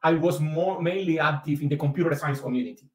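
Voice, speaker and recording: Professor type from Colombia, Caribbean accent, hesitant academic delivery, room echo from a distant mic. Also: male voice, on the high side, quick pace. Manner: hesitant, repeats "actually" often. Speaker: guest speaker, professor. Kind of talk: academic presentation. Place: home office, indoors. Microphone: video call. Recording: roomy video call audio from the mic.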